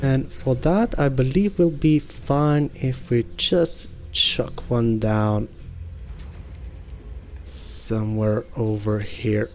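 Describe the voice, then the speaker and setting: A man hosting a gaming channel, calmly thinking aloud through his tactics as let's-play commentary. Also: mid-range voice, slow pace. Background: game music.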